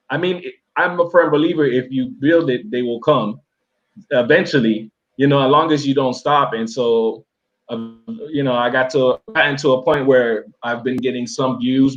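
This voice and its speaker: A man's voice: mid-range voice, moderate pace. Miami-raised man on a lo-fi call. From Miami, USA. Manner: loose and rambling, many fillers and restarts. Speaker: interview guest, travel YouTuber. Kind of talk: casual conversational storytelling.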